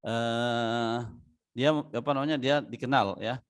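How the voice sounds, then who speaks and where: A man teaching tajwid in a relaxed, conversational way. He fills his talk with "ya", quizzes his students and drawls out the letters he is teaching. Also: mid-range voice, slow pace, clear, resonant tone. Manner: explains step by step, asks students questions, many "ya" fillers. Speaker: Quran recitation teacher. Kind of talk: casual tajwid lesson with chanted examples. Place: online class or recorded study session.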